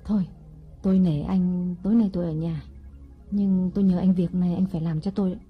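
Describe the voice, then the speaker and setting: Audiobook role: a calculating young wife, husky and coaxing, dull lo-fi sound with faint music. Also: female voice, on the low side, steady tone. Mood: plain. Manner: sweet-talking, slow and deliberate. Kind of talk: audiobook character reading.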